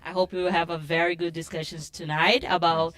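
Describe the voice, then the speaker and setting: A relaxed woman from Brazil chats easily about her marketing work. Her voice sits low for a woman. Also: brisk. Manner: relaxed, chatty. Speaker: digital marketing instructor.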